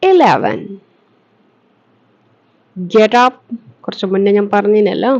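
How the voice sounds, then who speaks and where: A woman with a Malayali accent teaching English, saying short phrases clearly and explaining them. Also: mid-range voice, very animated, a little mellow, muffled recording. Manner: clear, deliberate drill-style enunciation. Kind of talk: language lesson, slow model phrases with explanations.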